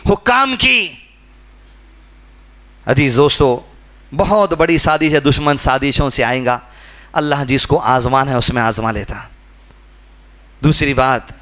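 A man from India giving a mosque sermon, swinging between loud exhortation and low, earnest asides. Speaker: mosque speaker.

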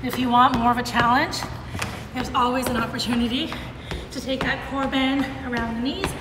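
A high-voiced woman trainer leads a workout, calling out moves with upbeat energy, counting down and cheering. Her voice rings in a roomy space with a long reverb tail, with clear background noise underneath. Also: fairly even intonation, normal speed. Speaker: fitness trainer. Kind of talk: leading a home workout.

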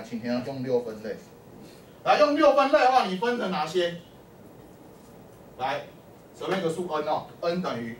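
A man teaching a math class, quizzing his students and prompting them with short calls to answer. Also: on the high side. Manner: constantly quizzes the class, peppering speech with "lai" and "o" prompts. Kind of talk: classroom lecture. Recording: echoey classroom from far off with faint hum.

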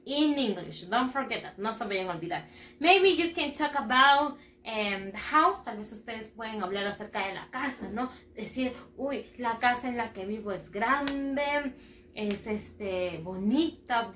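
Lady teaching kids english, swaps to a lot, super bright sing-song voice, says everything slow. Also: fairly high pitch, roomy sound, slight background noise. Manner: slow, exaggerated model pronunciation for repeating; switches between English and Spanish, encouraging. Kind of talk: bilingual online lesson for children.

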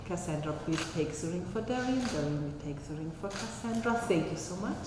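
Woman, wedding officiant, formal measured delivery, lowish voice, long chapel reverb, faint hiss. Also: expressive. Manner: formal, measured, leads vows line by line. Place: small wedding chapel indoors.

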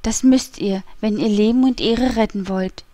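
A devoted young maid in a storybook reading speaks earnestly and steadily, as a woman plays her. Her voice is mid-pitched and a little brighter than the narration. The sound is dry and close to the mic. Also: normal speed, no room sound, lightly acted. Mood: reassuring. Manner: earnest, reassuring, urgent. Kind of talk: audiobook character voice.

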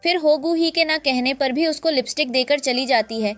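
A woman narrating a drama recap in a lively storytelling way, acting out the quoted lines. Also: sits high, moderate pace, faint music behind.

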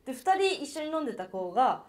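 A woman's voice: sits high, big pitch swings, fast talker. A young woman telling a personal anecdote in casual talk on a studio show. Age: young adult. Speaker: show regular. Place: large bright indoor TV studio. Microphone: lapel mic. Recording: loud music behind.

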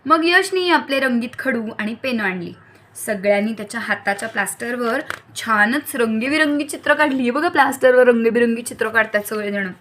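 A woman reading a children's story aloud, talking directly to young listeners in a lively way. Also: fairly high pitch, normal speed, slight background noise.

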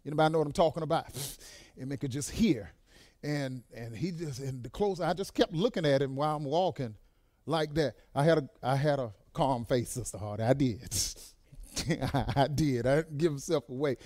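A man preaching a sermon to a church congregation, swelling into loud exclamations and dropping quiet while telling stories, sprinkling in amens. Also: medium pitch, moderate pace, dry recording, studio quality. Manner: punctuates lines with "amen" and "bless God". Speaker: pastor.

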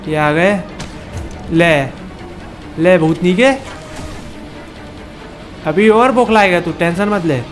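Excitable man doing game commentary. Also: sits high. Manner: taunting, excitable, repeats words in bursts. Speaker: gaming channel host.

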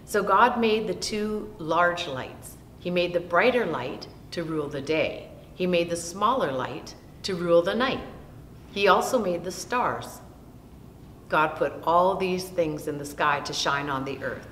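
An older woman slowly reads a Bible story aloud for children, seated in a small room and taking long lists word by word. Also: expressive, fairly bright tone. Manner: slow, deliberate reading of long lists. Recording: roomy echo with long reverb and faint rumble.

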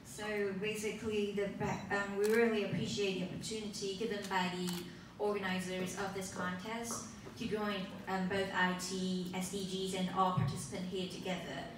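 A teenage girl from Taiwan, a native Mandarin speaker, presenting a student pitch in English. She speaks carefully, with light fillers. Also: level tone, moderate pace, hardly any pauses, noisy background. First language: Mandarin Chinese. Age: teens. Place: conference hall, indoors. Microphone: handheld mic at a lectern, filmed by a far phone camera. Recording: echoey hall from far off.

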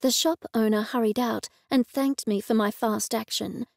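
A woman reads an audiobook in a gently expressive, scripted style. Her voice sits a little high for a woman, with a gravelly edge. The studio recording is close and dry. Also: moderate pace, no room sound. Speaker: audiobook narrator.

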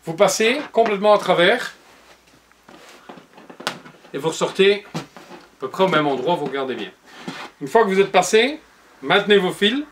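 This upholsterer, a man in his forties, has a high, fairly bright voice as he demonstrates cushion making in his showroom workshop. He explains each step patiently and addresses the viewer directly, picked up by the camera mic with slight background noise.

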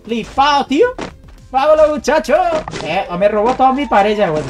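A man giving excited live commentary on his gameplay, calling out to teammates and his chat as he plays. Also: high voice, a little fast, music in the background. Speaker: gaming streamer.

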